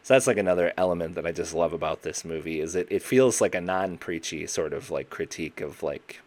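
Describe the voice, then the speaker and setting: A man's voice: deep voice, a little fast. A man co-hosting a film podcast in casual chat, rambling and correcting himself, laughing often. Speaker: podcast co-host.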